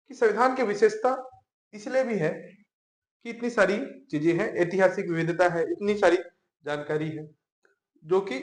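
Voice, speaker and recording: A man gives a classroom lecture in an easy, conversational way. He keeps checking in with his students through quick questions. His voice sits a little high and rings in a roomy, echoey space. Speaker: teacher. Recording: echoey room.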